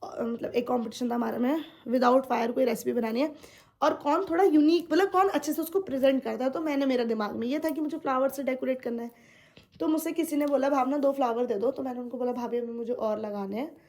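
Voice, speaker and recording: A young woman with a high voice talks straight to her viewers in a casual vlog. She vents with indignation and circles back over the same points. Her tone stays direct and aggrieved throughout. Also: fast, a little mellow. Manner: indignant, repeats herself, addresses viewers directly. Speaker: vlogger. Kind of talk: casual venting monologue to viewers.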